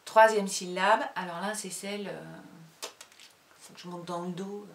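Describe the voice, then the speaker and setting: A woman teacher giving a slow dictation to young pupils, calling out each syllable loudly and patiently. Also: lowish voice, steady tone, creaky, roomy sound, distant mic, slight background noise. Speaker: primary school teacher.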